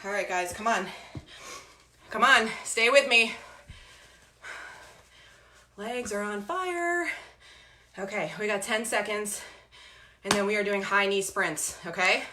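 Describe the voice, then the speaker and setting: A woman's voice: mid-range voice, animated, a little slow, pauses often, pushed and bright. Breathless, echoey woman urging on a workout. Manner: urgent, encouraging gym-coach calls. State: out of breath from exercise. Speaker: fitness instructor leading a home workout. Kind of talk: live online workout coaching. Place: echoey indoor room with hard floor at home. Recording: very echoey room, faint noise.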